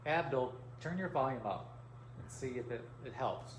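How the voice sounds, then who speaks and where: A man's voice: mid-range voice, lively intonation, moderate pace, a little hiss or hum. A man on a live-stream crew, tossing in dry, offhand remarks. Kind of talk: casual chat. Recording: roomy echo.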